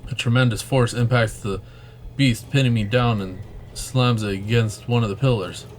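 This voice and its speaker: A man's voice: medium pitch, steady tone, normal speed, darkish tone, slight background noise. A man reading a story game's narration aloud as he plays, breaking in with joking asides. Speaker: game streamer.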